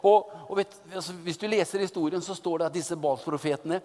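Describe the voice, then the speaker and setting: A man preaching a sermon, retelling a Bible story in a lively, teasing way with many restarts. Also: high voice, in a large hall.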